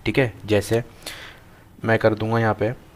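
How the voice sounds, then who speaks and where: Low flat-voiced man teaching code. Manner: thinks aloud while typing, halting with many restarts. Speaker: programming tutor. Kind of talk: screen-recorded coding lesson.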